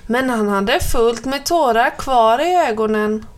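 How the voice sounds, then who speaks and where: A woman reads a children's story aloud, her voice sitting a bit high. She tells it in a plain, steady way, line after line.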